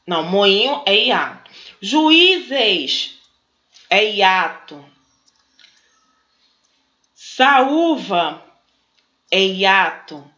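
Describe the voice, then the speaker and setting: A woman's voice: mid-range voice, slow, bright, forceful tone. A woman teacher with a Brazilian Portuguese accent, explaining exercises in a recorded class. She asks questions and then answers them herself. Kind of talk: recorded online class, working through exercises. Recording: echoey room, dull lo-fi sound.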